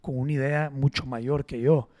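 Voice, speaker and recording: A man's voice: mid-range voice, steady tone, normal speed, warm tone, no room sound, studio quality. A man hosting a casual podcast, teasing and joking and mixing in English phrases. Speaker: podcast host.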